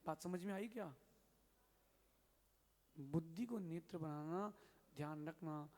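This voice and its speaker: A man, a Jain monk, giving a sermon and telling a story in a lively way, acting out the characters' lines. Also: a little high, takes it slowly. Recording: long hall reverb.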